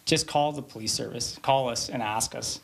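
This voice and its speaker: Gravelly man, plain-spoken. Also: medium pitch, normal speed. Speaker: police spokesperson. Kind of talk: interview soundbite.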